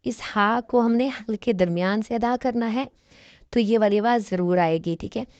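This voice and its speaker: A woman's voice: on the high side, normal speed, a little mellow, no echo, dull audio. A woman with a Pakistani Urdu accent teaching Quran reading, spelling out letters and drawing out each syllable with patient instruction. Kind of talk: slow spelled-out recitation lesson.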